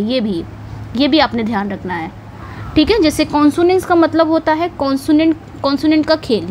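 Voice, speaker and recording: A woman teacher explaining an English exam lesson patiently, repeating key points, asking students questions and reading English examples slowly and deliberately. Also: high voice, slight background noise.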